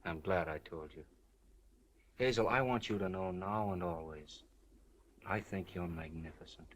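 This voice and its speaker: Low voice, halting, tender, earnest newspaperman, 1930s screwball comedy banter. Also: fairly bright tone, a little hiss or hum. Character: earnest, smitten newspaperman, awkwardly gentle and solemn.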